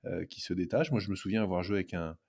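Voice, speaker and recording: Middle-aged guy on a podcast, low voice, easygoing, kinda teasing. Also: very fast. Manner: relaxed, joking, reads reviews aloud. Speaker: podcast co-host. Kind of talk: casual podcast chat.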